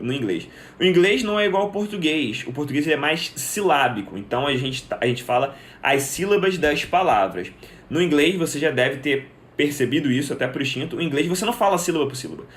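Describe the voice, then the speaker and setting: A man's voice: fairly high pitch, a bit bright. A young man teaching in a live stream, answering viewers' questions and explaining step by step, often asking a question and then answering it himself. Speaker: English teacher.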